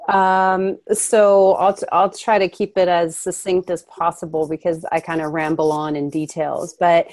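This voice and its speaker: Woman guest from ukraine, low voice, earnest and reflective, dry close sound. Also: level tone, a little mellow, dry recording. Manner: earnest, reflective, speaks with pauses and fillers. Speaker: podcast guest. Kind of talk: conversational interview.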